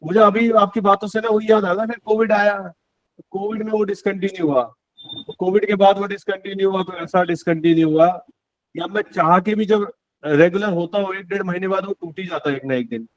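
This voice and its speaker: A man's voice: sits high, steady tone, a little fast, dry recording. A man hosting an online devotional singing session over a video call, chatting casually, encouraging his guests and joking with them. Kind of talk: casual chat.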